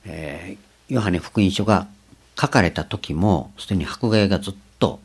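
An older man giving a slow, reflective sermon, pausing often with fillers. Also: deep voice, husky. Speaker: preacher.

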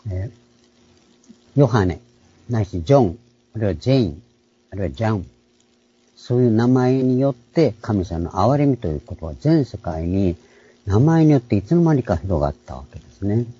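A man with a low, very dark and husky voice gives an online Bible lecture. He explains things step by step and keeps clearing his throat. The audio is dull and lo-fi. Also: big pitch swings, normal speed, long pauses, dry recording. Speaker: Bible teacher.

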